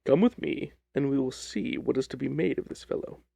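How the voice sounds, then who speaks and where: Gentleman detective, shrewd and self-assured, measured phrasing with gravelly fry read by a male narrator for a classic storybook. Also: medium pitch, dry recording. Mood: quietly eager.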